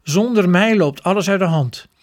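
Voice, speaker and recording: A man's voice: sits high, normal speed, natural voice. A man voicing Self-control, a firm, pushy figure in a storybook tale, speaking insistently.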